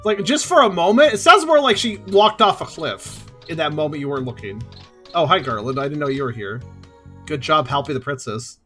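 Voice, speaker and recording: A man gives casual video game commentary in a highish, bright voice. His delivery is animated and full of wry asides, with light music behind him. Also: a little fast. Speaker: gaming video host. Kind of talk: casual let's-play commentary.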